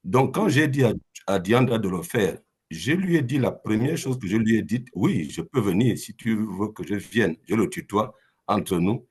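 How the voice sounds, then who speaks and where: A man's voice: fairly low pitch, lively intonation, moderate pace, a little mellow, husky. A man from Gabon speaking off the cuff as a guest on a video call, hesitant and repeating words. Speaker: company founder, Zoom guest. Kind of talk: unprepared remarks on a video call.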